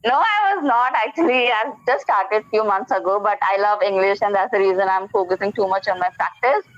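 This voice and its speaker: Speaking a little quickly at medium pitch, this young Indian student joins a conversation practice session on a dull, lo-fi video call with a dry sound. She comes across as polite and eager yet hesitant, with frequent fillers.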